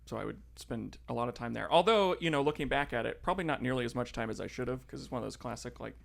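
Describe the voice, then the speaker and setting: A man from chats on a podcast. His mid-pitched voice has a gravelly edge, and he rambles through memories with plenty of "um" and "like". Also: animated, fast. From Indiana, USA. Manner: rambling, many fillers. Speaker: podcast co-host. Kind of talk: casual chat.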